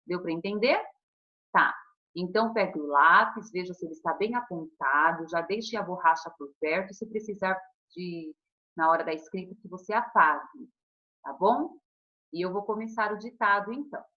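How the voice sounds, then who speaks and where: A Brazilian woman teaching a recorded primary school lesson, patient and affectionate, stretching out words slowly for the children. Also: on the low side, muffled recording. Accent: Brazilian Portuguese. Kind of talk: recorded online class.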